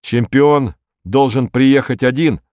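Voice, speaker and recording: Man doing a gruff, curt police inspector. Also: medium pitch, slow, darkish tone, no echo, studio quality, close to an everyday voice. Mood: tense. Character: stern, tough male police inspector, middle-aged.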